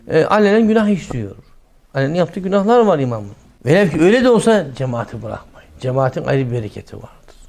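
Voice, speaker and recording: This middle-aged preacher's sermon is animated: quoted lines get performed in a raised voice, while asides come out quietly. He speaks at a medium pitch.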